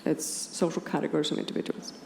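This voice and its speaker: Speaking with the accent of her native Icelandic, a philosopher from Iceland presents a partly scripted academic lecture at a conference, her delivery careful and exact. Her voice is somewhat dark in tone. The recording comes from a spacious conference hall with an audience indoors, and background noise is plainly heard.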